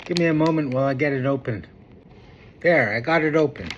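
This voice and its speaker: A man's voice: medium pitch, brisk, background noise. A man talking casually to his viewers as a food review vlogger.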